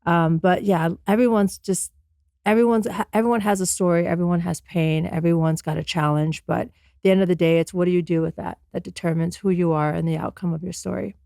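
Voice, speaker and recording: A woman's voice: on the low side, steady tone, a little fast, creaky, mellow, no room sound, clean studio sound. A woman in her forties, born in Afghanistan and raised in America, telling her life story as a podcast guest in an earnest, motivational way with frequent ums. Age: 40s. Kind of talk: reflective personal storytelling.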